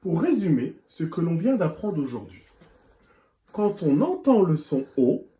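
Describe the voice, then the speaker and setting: A primary school teacher giving a recorded reading lesson to young children, speaking slowly and deliberately, repeating each word. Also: mid-range voice, very animated, dark tone, breathy edge. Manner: slow, deliberate, repeats and stretches words.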